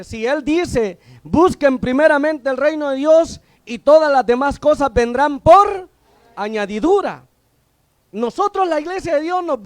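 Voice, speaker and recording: A Salvadoran deacon preaches in a very high male voice. He peppers the congregation with questions and waits for their answers. His voice is recorded close and dry, with almost no room sound. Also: no echo. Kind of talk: sermon.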